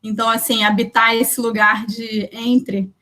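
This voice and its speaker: Speaking on a video call from home, this woman, a poet and researcher from Brazil, introduces herself at a virtual poetry event. Her voice sits on the high side, flat and measured, and she chats warmly, offering thanks and using many fillers.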